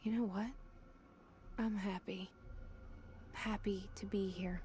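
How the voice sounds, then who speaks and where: An actress voicing a wary, haunted young woman who has just become director, speaking in a hushed, breathy inner-monologue murmur in a video game. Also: mid-range voice, drawn-out words. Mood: hushed, uneasy. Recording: game audio under steady noise.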